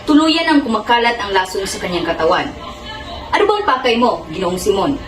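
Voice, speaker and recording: A woman playing an earnest, troubled young male student in a student drama, speaking in a measured, pleading way. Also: medium pitch, sing-song, natural voice. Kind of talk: amateur student stage drama. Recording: echoey room with music behind.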